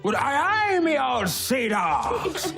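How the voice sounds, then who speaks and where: Teacher hamming up a gruff old seafarer. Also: male voice, very high-pitched, wildly swooping pitch, slow, over music, full character voice. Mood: playful, piratical. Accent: British. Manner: hammy piratical talk, like a gruff old seafarer. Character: jovial male schoolteacher playfully talking like a gruff old pirate. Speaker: schoolteacher. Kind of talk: television period school drama acting.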